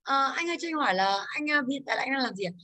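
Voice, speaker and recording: Teacher putting on a courteous recruiter, bright high voice, polite but mocking. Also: female voice, lively intonation, rapid-fire, no echo. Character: woman recruiter mock-interviewing a job seeker.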